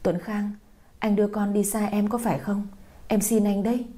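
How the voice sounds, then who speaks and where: A woman's voice: on the low side, animated, normal speed, mellow, natural voice. A woman voicing a young mother frantic over her missing son, speaking tearfully and pleadingly. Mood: distraught.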